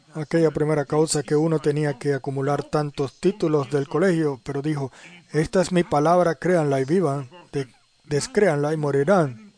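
A man's voice: on the high side, darkish tone. A man preaching a sermon in earnest tones, often putting rhetorical questions to his listeners.

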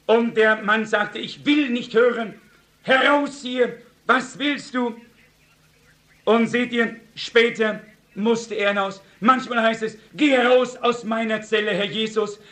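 A man's voice: very high-pitched, steady tone, slow pace, fairly bright tone. A man preaching a sermon, telling stories with quoted dialogue and fervently urging his congregation. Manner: fervent, repeated exhortations to the congregation.

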